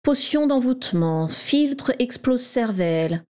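A woman's voice: a little high, expressive, slow, mellow, voice pushed up. Woman doing a mocking, cocky schoolboy bully. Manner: taunting, showy.

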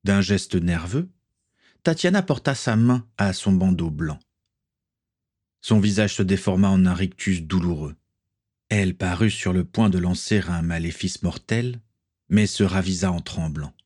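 A man narrating a fantasy story aloud in a steady, measured way. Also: deep voice. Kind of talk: audiobook narration.

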